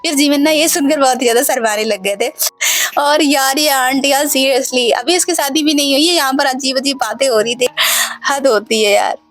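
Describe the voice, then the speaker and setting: A woman's voice: sits high, moderate pace, a bit bright, soft background music. A woman casually retelling a video clip in a gossipy, exclamatory way. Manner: gossipy and exclamatory, often says "yaar" and "seriously". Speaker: video explainer narrating a clip.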